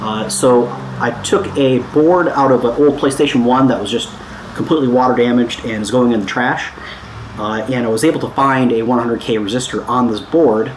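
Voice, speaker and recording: Talking at a moderate pace in a mid-range voice, a man casually hosts a hands-on electronics tutorial, laid-back and a little self-deprecating. There's echo in the room and some background noise.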